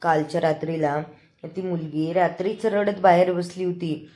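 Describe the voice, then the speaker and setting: A woman's voice: lowish voice, fairly even intonation, moderate pace, natural voice. A woman doing a meddling gossipy aunt. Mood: gossiping. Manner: loud, stirring up trouble.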